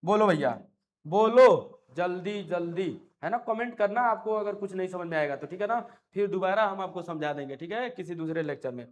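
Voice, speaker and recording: A man explaining a maths lesson in a high-pitched voice. He repeats each point several times and keeps asking his students whether they follow. He coaxes them along with affectionate pet names. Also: normal speed. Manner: coaxing, repetitive, keeps asking students questions. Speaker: maths teacher. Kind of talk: Hindi-medium online maths lecture.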